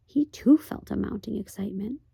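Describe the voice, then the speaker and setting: A woman reading a children's novel aloud, gently, with chatty asides. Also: medium pitch, moderate pace, creaky, husky, no echo. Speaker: storybook reader.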